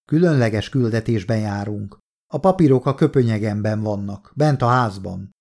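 A man's voice: lowish voice, lively intonation, a little mellow. A man reading a stubborn young soldier. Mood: defiant. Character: defiant young male soldier on a mission.

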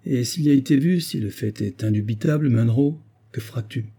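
A man's voice: medium pitch, normal speed, warm tone, slightly rough. A man voicing a loyal, reasoning engineer friend in an earnest tone.

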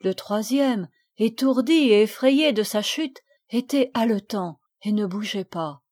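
A woman narrates an audiobook in a measured, expressive storytelling manner. Her voice sits a little high. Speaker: audiobook reader.

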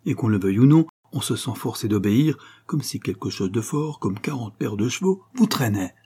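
A man's voice: mid-range voice, expressive, normal speed, warm tone, husky. A man voicing an earnest superstitious coachman. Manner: earnest, respectful, believing. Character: simple superstitious old coachman. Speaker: postillion.

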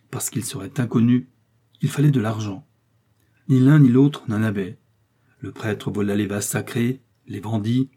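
A man's voice: mid-range voice, dark tone, husky, close to an everyday voice. A man playing a grave, solemn executioner. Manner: grave and measured. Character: stern, solemn male executioner.

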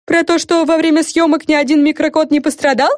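Brief: bossy showoff fairy girl, very high and dry, read by a woman. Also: level tone, fairly quick, no room sound, close to an everyday voice. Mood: showy. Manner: bossy, self-important.

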